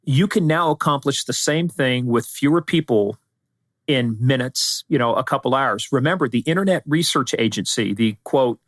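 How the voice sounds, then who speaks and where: A middle-aged or older American man, once a law enforcement advisor and now a security expert guest, answers interview questions emphatically and informally with anecdotes; he spent part of his childhood in Iran. His medium-pitched voice moves at a moderate pace with no room sound.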